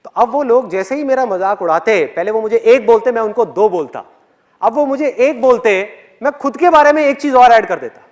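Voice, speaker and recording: A man's voice: extremely high pitch, animated, moderate pace. A man giving a motivational stage talk, telling a personal story with animation and putting questions directly to the audience. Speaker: motivational speaker. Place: on stage before a live audience.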